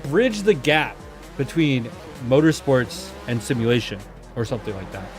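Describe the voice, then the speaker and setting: A man hosting a sim racing drift competition livestream, chatting casually and switching into excited play-by-play commentary, with faint music behind him. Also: medium pitch, moderate pace. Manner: chatty, laid-back, bursts into hype play-by-play.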